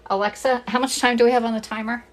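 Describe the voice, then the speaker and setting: A woman's voice: a little high, fairly even intonation, quick pace. A middle-aged woman from Pennsylvania casually demonstrating a recipe in her home kitchen on a live stream, talking through each step and greeting viewers. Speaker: cooking demonstrator and kitchenware consultant.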